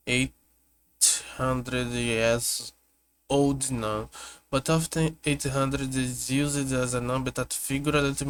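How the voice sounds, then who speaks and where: A man reacting on a stream, chatting casually with slow, easygoing asides. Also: medium pitch, slight background noise. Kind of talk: casual chat.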